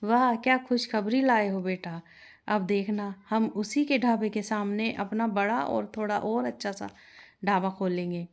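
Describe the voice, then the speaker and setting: A woman's voice: medium pitch, measured pace, natural voice. A woman voicing a scheming, gleeful older man who gloats over a rival's trouble. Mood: gloating. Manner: gloating, boastful.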